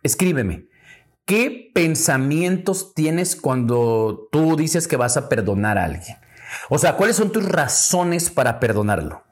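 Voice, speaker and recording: A man's voice: fairly high pitch, very animated, slow. A man hosting a teaching talk, addressing the listener directly and repeating key phrases. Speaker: podcast host and spiritual teacher.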